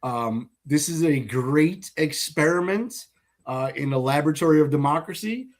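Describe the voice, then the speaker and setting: A male co-host trades casual political banter in a blunt, sarcastic manner. His voice is a bit high for a man and very animated in pitch. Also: normal speed. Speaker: talk show co-host.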